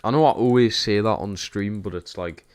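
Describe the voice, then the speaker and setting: Streaming football and reading his chat, a young Geordie man from Newcastle, England talks casually. He speaks at normal speed in a lowish, slightly mellow voice with a clean tone.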